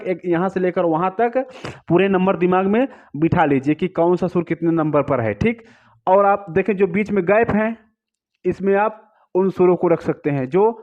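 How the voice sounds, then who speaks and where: A man leads a music class, going over the notes patiently and checking in with his students as he goes. His voice sits fairly high. The recording is a little dull and lo-fi. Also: darkish tone. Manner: patient, repetitive, asks students questions. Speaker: music teacher. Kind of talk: music lesson explaining swaras to students. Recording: slightly dull, lo-fi sound.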